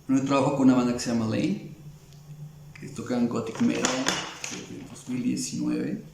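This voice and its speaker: A man's voice: medium pitch, little pitch movement, moderate pace, creaky, reverberant, very noisy. A Mexican man with a Mexican Spanish accent, an illustrator in a casual interview, talking in a rambling way with many fillers and restarts. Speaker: illustrator guest.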